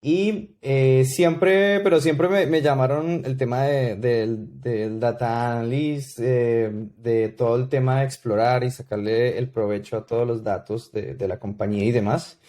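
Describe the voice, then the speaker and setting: Hesitant Colombian man, mellow tone. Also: mid-range voice, fairly even intonation, unhurried, hardly any pauses. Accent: Colombian Spanish. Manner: hesitant, many fillers and restarts. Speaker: guest consultant. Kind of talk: podcast interview.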